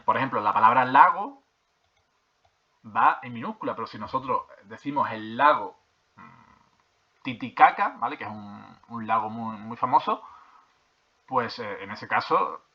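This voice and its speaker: Man teaching a grammar lesson. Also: medium pitch. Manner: repeats points, checks with frequent "¿vale?" and "¿de acuerdo?"; hesitant with fillers and restarts while reading from a textbook. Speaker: primary school teacher. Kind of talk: classroom explanation of grammar. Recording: slightly dull lo-fi recording.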